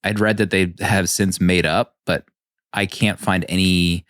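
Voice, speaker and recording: A man hosting a casual movie podcast, chatty and quick to laugh, often restarting his sentences. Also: deep voice, little pitch movement, a bit bright, clean tone, no room sound, studio quality. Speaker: podcast host.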